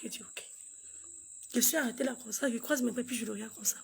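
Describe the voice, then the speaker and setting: A woman, a mother, tells a painful personal story in a halting, repetitive way, acting out what each person said. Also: on the high side, creaky, a little hiss or hum. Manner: halting and repetitive, acts out dialogue. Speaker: grieving mother recounting a loss.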